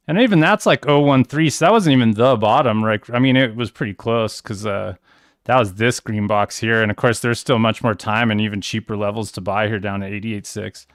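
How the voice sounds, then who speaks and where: A man's voice: on the low side, smooth, no room sound, clean studio sound. Laid-back rambling male trading streamer. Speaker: crypto trading livestream host. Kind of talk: casual screen-share walkthrough.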